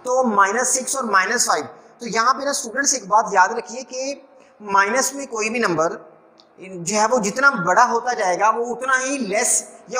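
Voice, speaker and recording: A man's voice: high-pitched, pushed and bright. A male math teacher patiently explaining each step to his students, dropping English math terms into his speech. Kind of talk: recorded classroom lesson. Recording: echoey room.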